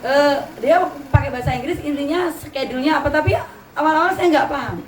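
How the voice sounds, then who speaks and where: A woman's voice: high-pitched, fast talker. A middle-aged woman with a Javanese accent gives a chatty, anecdote-filled religious talk to mothers, slipping in Javanese words. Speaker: religious teacher. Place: open pavilion hall. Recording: roomy echo, distant mic, ambient noise.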